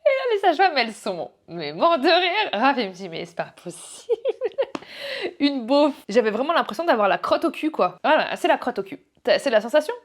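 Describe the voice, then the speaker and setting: A young woman vlogger candidly recounting a personal story, animated, acting out the voices she quotes and laughing often. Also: high voice, a little fast, a little hiss or hum.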